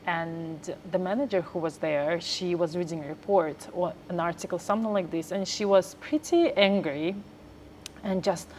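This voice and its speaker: A young woman from Tajikistan being interviewed, telling a story in a chatty, animated way with lots of fillers. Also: lowish voice, normal speed, slight background noise. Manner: animated, acts out dialogue, many fillers. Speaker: interviewee, trafficking survivor. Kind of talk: conversational storytelling.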